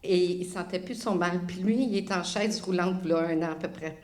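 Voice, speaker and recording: A woman's voice: on the low side, normal speed, a little mellow. A woman with a Québécois French accent giving an earnest, emotional testimony at church. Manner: emotional, laughing at times, earnest.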